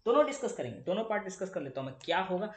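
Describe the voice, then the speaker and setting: A man's voice: high voice, very animated, racing. A young male physics teacher, lecturing chattily and answering his own questions for the students. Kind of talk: classroom lecture. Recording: echoey room.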